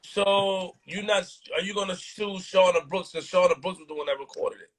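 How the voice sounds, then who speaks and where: A man's voice: high-pitched, normal speed, low-quality recording. A man hosts a loose live video interview and presses his guest with direct, pointed questions. His voice sits well above the usual range for a man.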